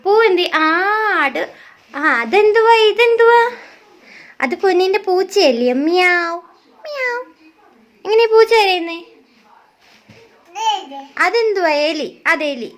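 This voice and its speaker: A woman's voice: extremely high pitch, animated, slow, long pauses. A mother talking to her toddler in sing-song baby talk, coaxing her and asking the same questions over and over.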